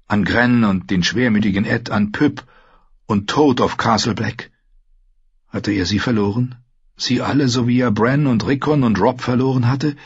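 A man reading a fantasy novel aloud as scripted narration, steady and measured. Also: on the low side, husky, dry recording, lo-fi sound. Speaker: audiobook narrator.

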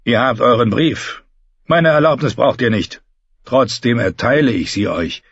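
Give me a contemptuous, commanding lord from a storybook, as a narrator puts him on, cutting and scornful in every line. The voice is husky and is heard in a dry, slightly muffled recording. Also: male voice, medium pitch, measured pace, no room sound. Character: harsh scornful older male lord, contemptuous.

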